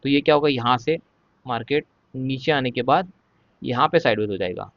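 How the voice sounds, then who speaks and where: A man who teaches stock market trading goes over charts step by step in a casual lesson, often checking in and repeating "ठीक है," and he says he'll speak slowly. His voice is mid-range, and the audio is dry and dull.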